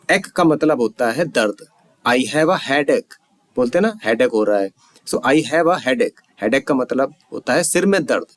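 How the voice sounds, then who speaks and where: A man with an Indian accent teaching English vocabulary, saying example sentences slowly and clearly, then explaining more quickly. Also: on the high side, no room sound. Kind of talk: Hindi-English vocabulary lesson.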